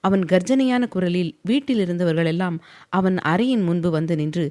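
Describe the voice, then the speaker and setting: A woman narrating a serialized romance novel in a steady storytelling voice. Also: lowish voice, normal speed. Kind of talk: scripted audiobook narration.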